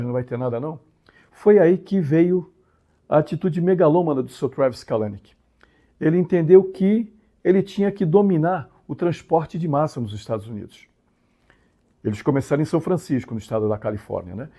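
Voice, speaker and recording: A man's voice: on the high side, warm tone, breathy edge. A man from Brazil hosting his own channel, explaining a story in a casual monologue with frequent tag questions and emphatic swings. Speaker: channel host.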